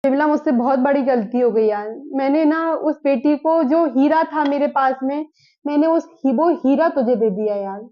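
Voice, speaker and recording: A woman's voice: high-pitched, moderate pace, natural voice. A woman playing a greedy, pleading birth mother. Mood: astonished. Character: greedy, regretful middle-aged birth mother. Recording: dull lo-fi recording.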